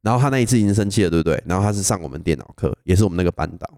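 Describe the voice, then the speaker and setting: Fast-talking young Taiwanese man, low mellow voice. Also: no room sound, studio quality. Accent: Taiwanese Mandarin. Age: young adult. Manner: animated storyteller, laughs often. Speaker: podcast co-host. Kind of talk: casual storytelling chat.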